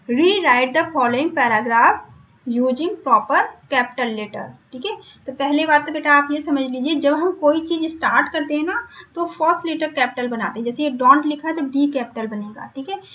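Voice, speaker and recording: A woman teacher with an Indian English accent, patiently explaining a school lesson in Hindi and English and repeating words slowly for her pupils. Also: sits high, fairly bright tone. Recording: dull lo-fi recording, faint hiss.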